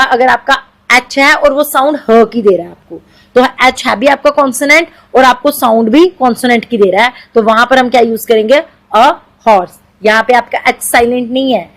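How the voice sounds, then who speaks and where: A woman's voice: a little high, poor audio. Woman teaching grammar. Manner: explains in Hindi, reads English examples slowly. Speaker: English teacher. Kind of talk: exam-prep grammar lecture.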